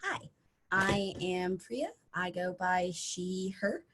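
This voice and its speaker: A woman with a Texan accent introducing herself to her class on a video call, lively and self-mocking. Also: on the low side, slow, background noise. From San Antonio, Texas.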